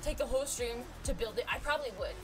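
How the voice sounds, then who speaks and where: A bubbly, excitable woman in her twenties chats casually on a live stream, laughing often, her voice on the high side and her pace quick. She's in a gaming room lit with colored lights, using a desk mic with a headset, and background music runs under her voice.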